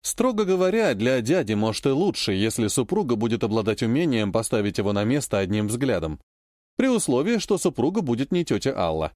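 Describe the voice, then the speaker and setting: A man narrating an audiobook in the first person with an expressive reading. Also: mid-range voice, brisk, no echo, clean studio sound.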